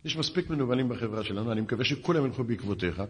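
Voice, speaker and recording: A man giving a rabbi's lecture as a lively story, with dry sarcasm and acted-out dialogue. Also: medium pitch. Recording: long hall reverb.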